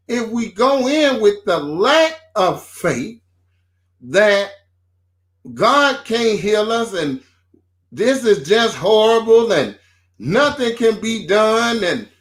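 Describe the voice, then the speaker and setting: With a high voice and a relaxed preaching style, a man talks about faith, moving slowly and returning to his points with phrases like "see" and "so remember." He comes across as a co-host on a homespun talk show, informal and building his ideas gradually through repetition.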